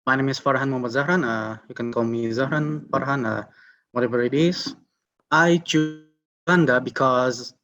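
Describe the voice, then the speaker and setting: A young student chatting in a joking, rambling, hesitant way. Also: male voice, medium pitch, a bit bright. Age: young adult. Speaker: student panelist. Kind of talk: casual class chat. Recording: dull lo-fi call audio.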